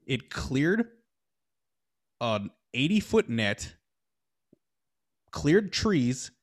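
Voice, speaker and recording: A man's voice: mid-range voice, very slow, dry recording. Chatty young man, dry close sound. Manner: animated storyteller, acts out quoted voices, many fillers. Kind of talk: casual chat, telling golf stories.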